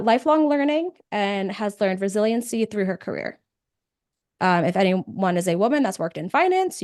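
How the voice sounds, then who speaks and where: A woman presenting a live webinar on podcasting, speaking in a conversational, energetic way with frequent fillers. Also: medium pitch, no room sound, studio quality.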